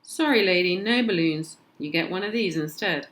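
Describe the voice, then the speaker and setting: A woman with a British accent voicing a brisk, breezy male barber in a children's storybook. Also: lowish voice, a bit bright, voice pushed up, natural voice, poor audio.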